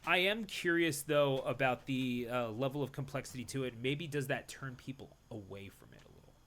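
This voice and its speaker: A man co-hosting a casual fighting-game podcast, quick and joking, with many fillers. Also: medium pitch, fairly bright tone. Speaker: podcast co-host. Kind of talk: casual chat.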